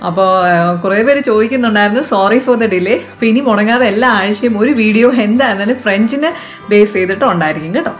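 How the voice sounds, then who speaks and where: A woman's voice: mid-range voice, brisk, faint music behind. A woman with a Malayali accent hosting a casual lesson for children, chatty and coaxing, asking the viewer questions. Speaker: vlog host teaching French to kids.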